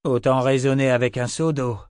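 A man voicing a blunt, tough warrior woman with a gruff, threatening manner. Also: mid-range voice, steady tone, a little fast, darkish tone, no room sound, clean studio sound, voice pushed up, lightly acted.

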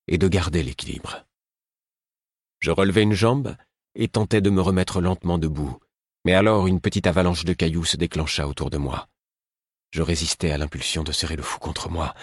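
A man narrates a story in the first person with a very low, husky voice. His reading is measured and grave, recorded close on the mic in a dry, dead room. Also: dry recording. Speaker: audiobook narrator.

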